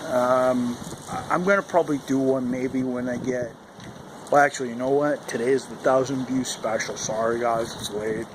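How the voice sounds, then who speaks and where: Male vlogger, mid-pitched, rambling casual talk, recorded outside with clear wind noise over a handheld camera. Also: fairly even intonation, moderate pace. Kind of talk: casual vlog chat to camera. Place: outdoors in the cold wind. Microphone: handheld camera at arm's length. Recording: windy outdoor recording, loud wind noise. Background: howling wind noise.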